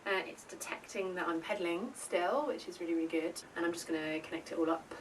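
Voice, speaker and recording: A woman's voice: on the low side, quick pace, slight background noise. A woman chatting casually at home in an upbeat, talkative way, laughing often. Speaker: fitness vlogger. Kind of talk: casual vlog chat. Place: home, indoors.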